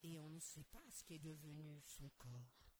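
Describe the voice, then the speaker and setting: A woman narrating a children's Bible story expressively, pausing to ask the listener questions. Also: deep voice, fairly even intonation, darkish tone, slight background noise.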